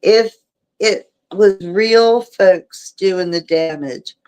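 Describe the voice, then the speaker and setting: A woman's voice: mid-range voice, extremely slow, a little mellow, smooth. A woman voicing a gloomy, superstitious older ranch woman in a storybook reading, declaring her words.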